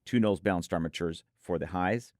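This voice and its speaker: An audio gear reviewer co-hosts an enthusiastic product preview, speaking emphatically and effusively and repeating points for emphasis. His voice sits low, slightly fast and mellow, in a clean studio recording with no room sound.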